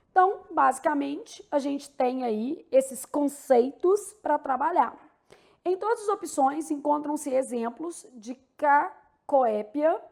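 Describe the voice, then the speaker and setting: A woman's voice: high voice, darkish tone. A woman with a Brazilian Portuguese accent teaching an exam-prep Portuguese lesson, explaining step by step and checking in with "tá?" and "né?".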